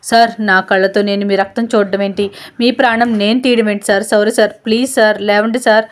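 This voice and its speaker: A woman voicing an obsessive young woman who keeps pleading and apologising, in a flat, even tone. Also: mid-range voice, fairly quick, close to an everyday voice. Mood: desperate.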